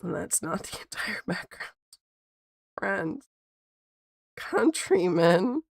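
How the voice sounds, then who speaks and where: A woman who sounds squeaky like a toy because she is sick, chatting casually on an art livestream and thinking out loud as she works. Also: big pitch swings, takes it slowly, gravelly, slightly rough, no echo, studio quality. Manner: thinks out loud, repeats herself. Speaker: art streamer. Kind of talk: casual livestream chat while drawing.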